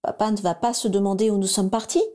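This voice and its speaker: A woman's voice: mid-range voice, steady tone, fast, mellow, close to an everyday voice. A woman voicing a reluctant, unsure teenage girl in a storybook reading. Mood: hesitant. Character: hesitant, rule-abiding teenage girl.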